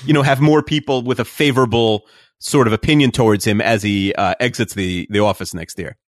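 A man's voice: mid-range voice, brisk, no room sound, studio quality. A man co-hosting a casual podcast, rambling with lots of "uh" and "like". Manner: rambling with many fillers. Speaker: podcast co-host.

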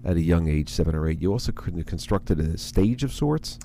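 A man's voice: low-pitched, expressive, normal speed, gravelly, dark tone, a little hiss or hum. A man hosting a radio interview show, asking probing questions and cutting in often. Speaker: radio host.

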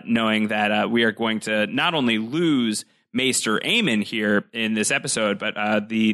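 Lively, bright-voiced man in casual chat. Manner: animated, jumps into high-pitched impressions. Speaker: podcast co-host recapping a TV episode.

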